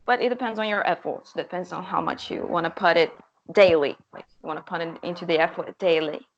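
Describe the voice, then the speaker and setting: A young woman who teaches languages and speaks Portuguese as her first language talks eagerly in an interview, chatty and full of restarts. Her voice is lowish and fairly quick, and the recording has its highs cut off with a little hiss or hum.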